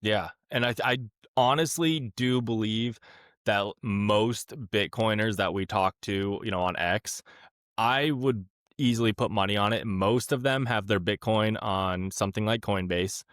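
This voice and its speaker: A man speaking as a guest on a podcast, talking in a relaxed, earnest way. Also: lowish voice, measured pace, no room sound, studio quality. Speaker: podcast guest, product founder. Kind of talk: casual podcast conversation.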